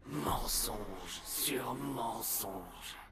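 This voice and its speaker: A man playing a bitter, vengeful monstrous sorcerer in a video game cutscene, declaiming theatrically with menacing pauses. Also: lowish voice, expressive, heavy background noise, exaggerated voice. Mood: bitter defiance.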